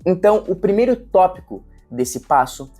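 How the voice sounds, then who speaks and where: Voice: mid-range voice, big pitch swings, normal speed, mellow, faint music behind. Sales trainer explaining step by step. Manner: didactic, step-by-step, restates points. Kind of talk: instructional video talk.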